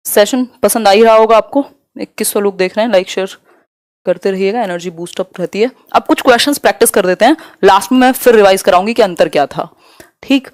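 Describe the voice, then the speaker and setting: A young woman teaching a live online exam-prep class, explaining terms in a mix of Hindi and English and slowing down to read questions aloud. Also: medium pitch, darkish tone, no echo, studio quality.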